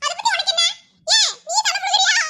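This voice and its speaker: Woman doing a squeaky Madurai village girl. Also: fairly quick, very noisy. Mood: teasing. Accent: Madurai Tamil. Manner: mocking, laughing while talking. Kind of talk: cartoon voice acting.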